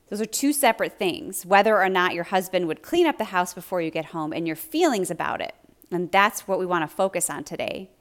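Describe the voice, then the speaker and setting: A woman's voice: mid-range voice, fairly bright tone. A middle-aged woman hosting a talk about marriage, candidly telling a personal story with laughs along the way. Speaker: podcast host on marriage.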